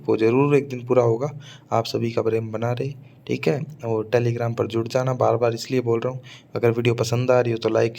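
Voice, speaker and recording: A man's voice: medium pitch, gravelly, darkish tone. Man, Rajasthani accent, English teacher, exam-prep lecture, repeats example words over and over. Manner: drills words by repeating them aloud. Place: Suratgarh, Rajasthan.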